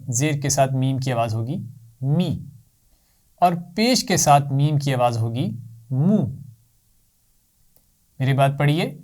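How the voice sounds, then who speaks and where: A man teaching a children's Quran reading lesson, patient and clear, saying each sound slowly for the class to repeat. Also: medium pitch, a little mellow.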